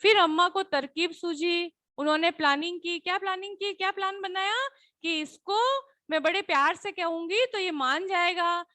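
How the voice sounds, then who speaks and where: High, bright-voiced woman teacher explaining a lesson. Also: moderate pace, no echo. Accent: Hindi. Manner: patient, repeats questions, frequent "है ना?" tag checks. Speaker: school teacher. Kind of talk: explaining a Hindi textbook lesson to children.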